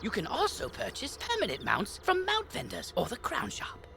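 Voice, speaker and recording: Casting: female game tutorial narrator, fairly high, highly animated, scripted instructional read. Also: normal speed, vocal fry, noisy background.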